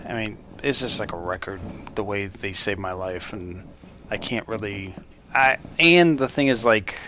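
A man's voice: on the low side, fairly bright tone, a little hiss or hum. A man in a group discussion telling a personal story in an earnest, rambling way with many restarts. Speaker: group member.

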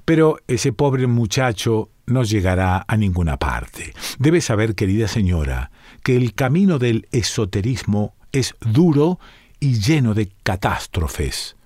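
A man's voice: lowish voice, big pitch swings, unhurried, a little mellow, no echo, studio quality. A man voicing a haughty, condescending male mystic who calls himself an initiate, in a read-aloud story. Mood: lecturing. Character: scornful aloof male mystic, self-styled initiate. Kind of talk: audiobook reading.

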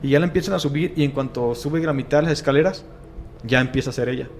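A mid-range, quick-paced male voice with a Mexican accent comes through a slight hiss or hum. The speaker, a guest storyteller and paranormal content creator, tells his paranormal story in animated, slang-heavy casual chat, acting out quoted voices.

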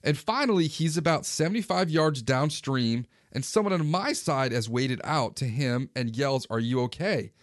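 A man in his forties, a fishing vlogger, casually recounting a day on the river in a relaxed, conversational way. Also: on the high side, normal speed, hardly any pauses, no echo, studio quality. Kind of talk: casual first-person storytelling.

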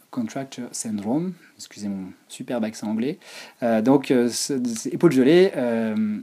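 A man's voice: medium pitch, dark tone, slightly rough. A man giving an informal, explanatory online lecture on physiotherapy.

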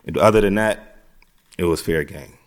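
A man's voice: low voice, moderate pace. A middle-aged American man, an interview guest, telling his story in a casual streetwise way, with phrases repeated. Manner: streetwise, repeats phrases, frequent "you know what I'm saying".

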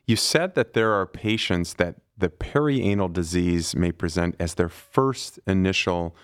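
A man's voice: sits low, a little slow, no room sound, studio quality. A man hosting a medical podcast, asking questions in a friendly, conversational way. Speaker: podcast host and surgeon. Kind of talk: podcast interview.

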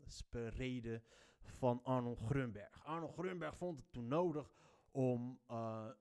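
A man's voice: mid-range voice, takes it slowly, a little mellow, clean tone. A man giving an opinionated podcast monologue. He talks in a heated, emphatic way and keeps restarting his sentences. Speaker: podcast host.

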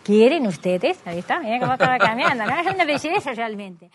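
A woman's voice: a little high, big pitch swings, brisk. A woman from Santiago del Estero with a local Argentine accent, explaining patiently as an interviewee and giving examples, often checking in with "¿has visto?". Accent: Santiago del Estero Argentine Spanish. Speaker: interviewee, Quichua teacher. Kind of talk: explanatory conversation.

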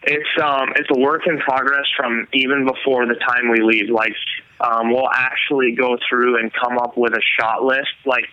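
A man's voice: mid-range voice, little pitch movement, moderate pace, clear, resonant tone, dry recording, highs cut off. A man who makes hunting films, explaining his process in a casual interview, rambling with fillers and restarts. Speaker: hunting filmmaker guest.

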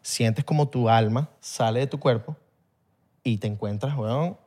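A man's voice: medium pitch, unhurried, a little mellow. A man, hosting a podcast and explaining a topic in casual, rambling chat full of slang. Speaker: podcast host.

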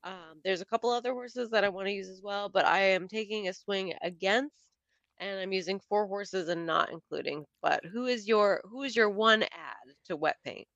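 A woman guest on a casual podcast, laying out her picks in a brisk, detailed, analytical way. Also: mid-range voice, creaky, fairly bright tone, no room sound, highs cut off. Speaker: podcast guest and horse racing handicapper.

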